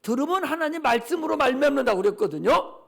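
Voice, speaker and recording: A man's voice: extremely high pitch, lively intonation, fast, creaky. A male pastor preaching a Sunday morning sermon, emphatic and full of rhetorical questions he answers himself.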